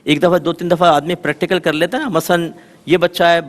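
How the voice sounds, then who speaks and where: Brief: male religious scholar, fairly high voice, animated storyteller, long studio reverb. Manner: lively storytelling with folksy examples. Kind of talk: televised religious talk.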